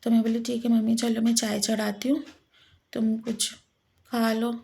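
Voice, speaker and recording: A woman telling a personal story with emotion, halting and repeating herself. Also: on the high side, level tone, gravelly, warm tone. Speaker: vlogger.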